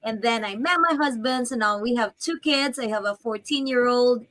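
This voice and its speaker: A woman's voice: a little high, moderate pace, a bit bright, rough recording. A woman around forty, a business coach introducing herself cheerfully on a livestream. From Philippines. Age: 40s.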